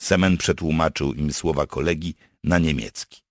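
A man narrating an audiobook with dark, wry storytelling. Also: extremely low pitch, moderate pace, dry recording, clean studio sound. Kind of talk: scripted narration.

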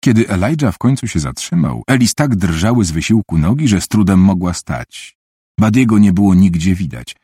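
A man with a very deep, husky voice narrates a story in a measured, even manner. His tone is dark and mellow, and his pitch moves a lot between phrases. The recording is close and completely dry. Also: no room sound. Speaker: audiobook narrator. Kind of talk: scripted narration.

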